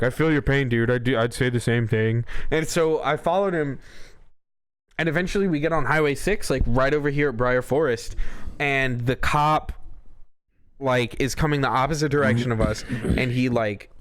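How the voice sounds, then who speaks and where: An American man tells a story in a casual podcast style. His voice is clean and smooth with very little room sound. He swears freely and slips into quoted dialogue as he goes. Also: medium pitch, no room sound. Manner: profane, animated retelling with acted-out quotes. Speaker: podcast host telling a story.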